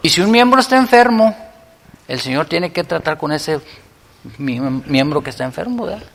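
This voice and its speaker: Male pastor, high-pitched voice, fervent sermon, soft prayerful asides, long church reverb. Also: lively intonation, moderate pace, creaky, slight background noise. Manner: impassioned preaching, swinging between loud appeals and hushed prayer.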